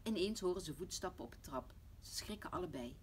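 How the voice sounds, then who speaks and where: A woman reading a children's bedtime story aloud in a gentle manner. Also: lowish voice, expressive, fairly quick, slight background noise. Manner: gentle, hushed toward the end. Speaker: reader.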